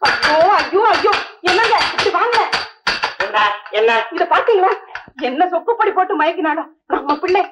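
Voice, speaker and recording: A woman's voice: extremely high pitch, lively intonation, normal speed, pauses often, background noise. Wailing, fretful mother. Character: anxious mother fretting over her son. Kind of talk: 1970s film comedy acting.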